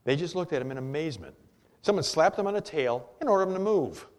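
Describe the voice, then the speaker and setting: A man's voice: fairly high pitch, animated, fast talker, darkish tone. A male pastor preaching a sermon, telling a story and reading scripture aloud in old-fashioned wording.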